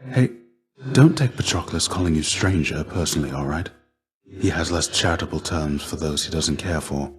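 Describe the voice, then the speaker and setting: A middle-aged man voices a video game character, a gentle, weary warrior shade who serves as a mentor. His deep, soft-edged voice carries measured, courteous, old-fashioned formality, with a tender, reflective mood.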